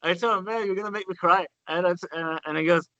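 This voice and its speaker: A guest bassist from Turkey, speaking with a Turkish accent, talks fast and excitedly about playing bass in a casual interview chat, telling stories with loose grammar and casual swearing. His bright, forceful voice is recorded dry and close, sounding slightly dull and muffled.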